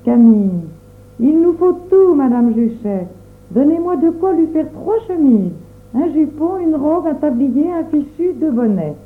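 Woman playing a bossy young girl, insistent, quarrelsome, lively pitch, phone-like sound. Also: a little slow.

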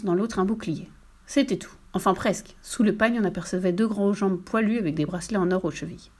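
A woman narrating a children's story aloud in a clear, even reading voice. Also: mid-range voice.

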